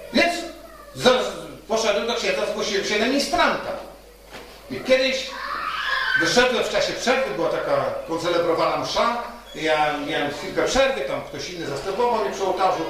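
A man's voice: high-pitched, a bit bright, slight background noise. A male pastor preaching a sermon, telling stories and often asking the congregation "right?". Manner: storytelling with rhetorical "tak?" questions. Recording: echoey hall from far off.

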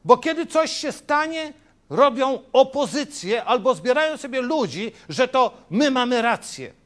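A man's voice: extremely high pitch, sing-song, measured pace, fairly bright tone. A middle-aged man preaching a sermon as a pastor, emphatic and often turning to the congregation with short questions. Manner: emphatic, asks the congregation "tak?" and "wiecie?".

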